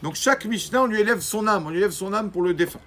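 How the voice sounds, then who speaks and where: A rabbi, a man, telling a religious story in a lively way, acting out the quoted voices and correcting himself as he goes. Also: high-pitched. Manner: pauses to correct himself mid-sentence. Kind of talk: storytelling Torah lesson.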